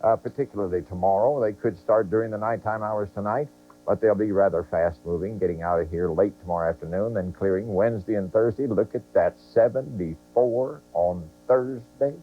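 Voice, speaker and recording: Weatherman, very deep and husky, chatty, tinny lo-fi tape. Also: a little fast, faint music behind. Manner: chatty, relaxed asides. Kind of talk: folksy weather forecast.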